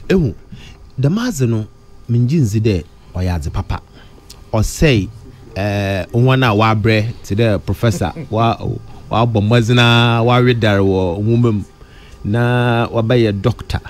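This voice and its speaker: A middle-aged Ghanaian man talking in a radio studio, mixing Twi and English, his pitch leaping up on questions. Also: unhurried. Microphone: studio mic close to mouth.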